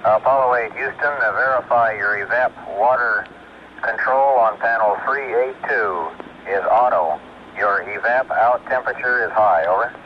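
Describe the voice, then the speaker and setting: Brief: man as mission control, mid-pitched and measured, reading back numbers over a crackly, muffled space radio link. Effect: crackly space radio transmission. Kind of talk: radio procedure call-and-response. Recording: dull noisy archival radio link.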